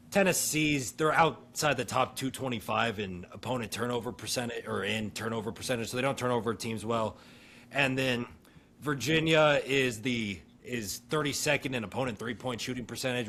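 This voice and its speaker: A man's voice: mid-range voice, fairly bright tone. A young man co-hosting a casual sports podcast, upbeat and laughing often as he rattles off team stats. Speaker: podcast co-host.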